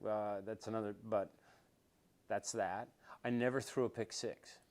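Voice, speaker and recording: An older man telling stories as an interview guest, rambling with fillers and restarts and growing animated as he goes. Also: fairly low pitch, measured pace. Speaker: interview guest, former quarterback. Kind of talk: relaxed storytelling interview.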